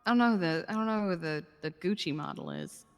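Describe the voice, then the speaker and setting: A woman's voice: deep voice, wildly swooping pitch, fast talker, vocal fry, long reverb tail, faint music behind, heavily acted. A woman playing an easygoing, agreeable customer in a casual game role-play, hesitant and repeating phrases. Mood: hesitant, explaining.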